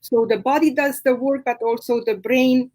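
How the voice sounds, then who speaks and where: Her voice sits high, fairly even in intonation and a little mellow. She's a middle-aged woman from Romania whose first language is Hungarian, a guest on a live video-call interview who patiently and slowly explains her therapy work with lots of fillers.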